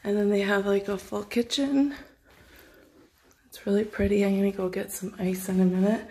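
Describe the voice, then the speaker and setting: A woman's voice: mid-range voice, steady tone, normal speed, dark tone. A woman in her thirties chatting casually into a handheld phone while showing a hotel room. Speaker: vlogger. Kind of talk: casual room-tour vlog chat. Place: hotel suite indoors.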